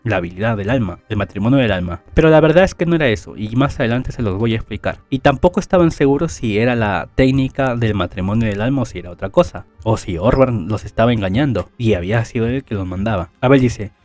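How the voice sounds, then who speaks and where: A man's voice: on the low side, animated, quick pace, hardly any pauses, darkish tone, soft background music. A man casually retelling a novel plot as a summary host, talking in a loose, conversational way with fillers and self-corrections. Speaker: anime story summarizer.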